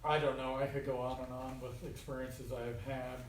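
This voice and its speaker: Speaking at a normal speed with a level tone and medium pitch, a man delivers an informal spiritual talk to a small group. The spiritual teacher is folksy and colloquial and repeats phrases for emphasis. The roomy recording comes from a distant mic with faint noise.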